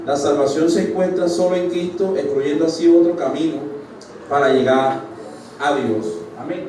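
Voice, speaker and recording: A man's voice: on the high side, normal speed, dark tone. A man preaching a sermon to his congregation, often asking them "right?" and breaking off to restart his sentences. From Colombia. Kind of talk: church sermon. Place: church hall. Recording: very echoey church hall, distant mic, room noise.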